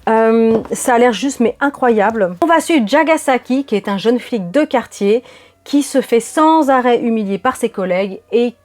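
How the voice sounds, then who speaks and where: A woman's voice: a little high, animated, moderate pace, a little mellow. A woman vlogger chatting through her latest manga purchases and reading the blurbs on the back aloud. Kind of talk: casual manga haul video.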